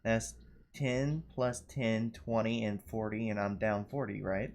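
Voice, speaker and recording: A man's voice: fairly low pitch, little pitch movement, unhurried, darkish tone. A man streaming a video game, playful and giggly, reading dialogue options aloud. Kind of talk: casual gameplay commentary.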